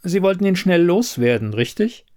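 A clipped, impatient woman investigator in an audiobook crime story, put on by a male reader. She speaks noticeably higher than his narrating voice, firing curt, pointed questions with a lively, swooping tone. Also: normal speed. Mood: cool, clipped.

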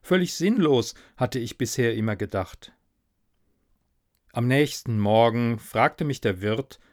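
A man's voice: mid-range voice, darkish tone, dry recording. A man narrating a story in a dry, wry tone.

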